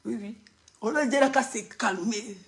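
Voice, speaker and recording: A woman voicing an official who sternly questions someone and keeps repeating orders to calm down. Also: fairly high pitch, moderate pace, natural voice. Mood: stern, insistent. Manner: firm, repeating commands.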